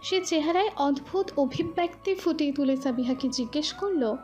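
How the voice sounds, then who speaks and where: A woman narrating a romantic story with an expressive, flowing delivery. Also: high voice, normal speed. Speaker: voice artist, storyteller.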